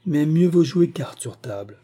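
A man's voice: on the high side, expressive, unhurried, dark tone, voice pushed up. A man voicing a stern, confident male detective who speaks firmly and commands. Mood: commanding.

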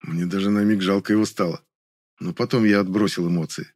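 A man reading a first-person story as an audiobook narrator, in an even, dry manner. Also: deep voice, fairly quick.

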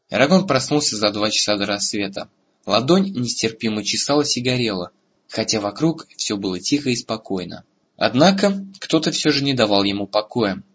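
Male audiobook narrator, low husky voice, steady storytelling, muffled lo-fi audio. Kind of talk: scripted narration. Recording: lo-fi audiobook recording.

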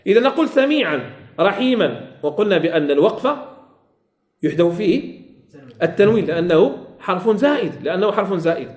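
A man's voice: high voice, very animated, a little fast, darkish tone, reverberant. A man teaching a classroom lesson on Quran recitation rules, repeating key phrases and quizzing his students.

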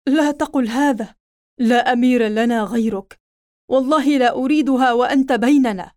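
A woman's voice: fairly high pitch, normal speed, darkish tone, lightly acted. A woman voicing a loyal male soldier who speaks earnestly and urgently, pleading with his commander.

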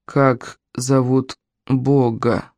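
A reader voicing a slow, commanding female well spirit in an audiobook. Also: mid-range voice, flat delivery, a little mellow, dry recording, clean studio sound, voice pushed down. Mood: menacing.

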